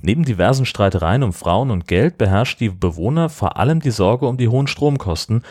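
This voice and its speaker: A man's voice: fairly low pitch, lively intonation, a little fast, a little mellow, slightly rough, no echo. A man narrating a film recap in a dry, mocking way. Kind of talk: scripted narration.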